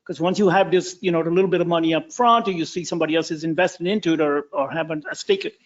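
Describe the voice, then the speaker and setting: A man joining a casual meeting discussion, talking fast and enthusiastically with stumbles. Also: on the high side, fairly even intonation, muffled recording. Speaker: meeting participant.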